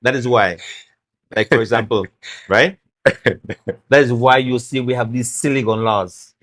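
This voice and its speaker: A man's voice: medium pitch, a little slow, fairly bright tone. A middle-aged Belizean man, a former party chairman, speaking as a guest in a talk show interview, making his points with emphasis and repetition. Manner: emphatic, repeats points, acts out quotes.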